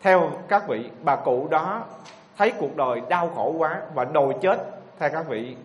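A man's voice: on the high side, expressive, unhurried, lo-fi sound. A man preaching a sermon, putting questions to the audience and repeating their answers back to them. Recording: echoey hall with faint ambience.

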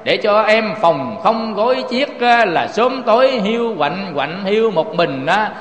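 A man voicing a grieving young widow in a drawn-out lament. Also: sits high, sing-song, a bit bright, reverberant, long reverb tail, full character voice. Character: grieving young widow wailing for her husband.

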